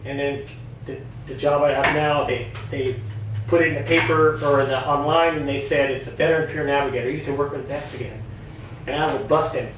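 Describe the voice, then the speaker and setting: A middle-aged retired Army veteran, appearing as a podcast guest, shares a casual personal story in an earnest, candid way. His medium-pitched voice is steady and brisk, with background noise, and the recording has an echoey room and a distant mic.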